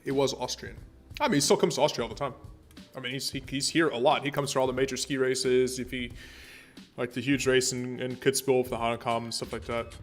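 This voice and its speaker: A man's voice: medium pitch, flat delivery, quick pace, faint music behind. Chatty male game streamer, rambling. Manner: rambling, chatty, many fillers and restarts. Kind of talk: casual gameplay commentary.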